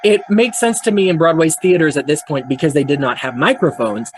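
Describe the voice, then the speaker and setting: Chatty male podcast host, fairly high voice. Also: fairly quick, slight background noise. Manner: chatty retelling of old Hollywood stories. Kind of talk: casual storytelling podcast.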